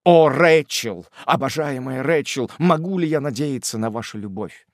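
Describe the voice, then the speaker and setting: A man voicing an ardent, gushing middle-aged suitor who declaims with effusive, drawn-out exclamations, in a storybook reading. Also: mid-range voice, big pitch swings, a bit bright, husky, dry recording, studio quality, exaggerated voice. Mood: impassioned.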